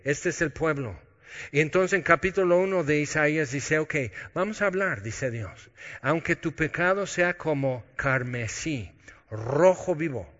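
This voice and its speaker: A man preaching a sermon, swinging between loud emphasis and quiet intimate asides. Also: fairly high pitch. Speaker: pastor. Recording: dull lo-fi audio with long hall reverb.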